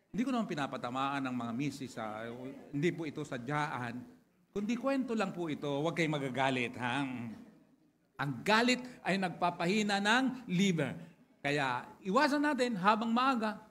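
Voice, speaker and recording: A man preaching a sermon to his congregation, chatting casually at first, then building to louder, lively preaching. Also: on the high side, normal speed. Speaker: pastor.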